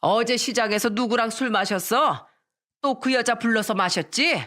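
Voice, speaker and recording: A woman voicing a brash, domineering older mother-in-law who shouts and drawls. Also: mid-range voice, moderate pace, natural voice. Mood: furious.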